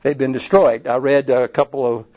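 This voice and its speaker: A pastor delivers a sermon in a rambling, conversational manner, wandering off on tangents and frequently starting his sentences over. His mid-range voice has a dark tone and stays level at a moderate pace. The lo-fi recording sounds slightly dull.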